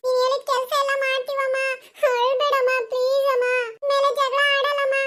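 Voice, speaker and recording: A woman's voice: very high-pitched, monotone, a little fast, background noise. A woman voicing a young cartoon daughter who pleads and complains to her father. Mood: pleading. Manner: pleading, whining.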